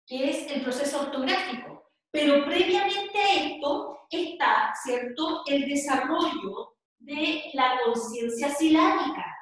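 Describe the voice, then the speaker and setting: A woman's voice: high-pitched, lively intonation, takes it slowly, fairly bright tone. A woman with a Chilean Spanish accent teaching an online class, explaining patiently and often checking in with her students. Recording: very echoey room.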